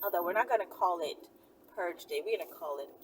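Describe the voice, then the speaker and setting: Answering questions from her viewers, this channel host speaks in a lowish voice, a little fast. Her casual monologue is animated, emphatic, and sassy, with frequent check-ins, and the recording is noisy with a distant-sounding mic.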